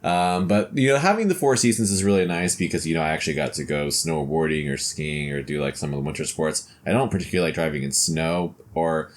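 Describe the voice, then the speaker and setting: Male podcast co-host, very low voice, easygoing rambling chat. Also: fast talker, hardly any pauses. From United States. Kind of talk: casual chat.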